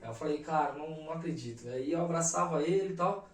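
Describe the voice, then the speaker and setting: A Brazilian man in his thirties, a podcast guest, telling a personal story in an animated, emphatic way full of slang fillers. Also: fairly high pitch, quick pace. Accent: Brazilian Portuguese. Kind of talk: casual storytelling. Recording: roomy echo, mic at a distance.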